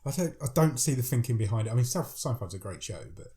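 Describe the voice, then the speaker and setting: Chatty and enthusiastic, a podcast co-host talks films and reads blurbs aloud despite a head cold that has deepened his voice. His medium-pitched, mellow voice is expressive and moves at a quick pace.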